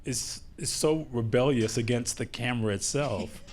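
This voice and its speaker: Husky-voiced man hosting an interview. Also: medium pitch, moderate pace, a little mellow. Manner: enthusiastic, analytical, stumbling over words. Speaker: interview host. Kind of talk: conversational interview.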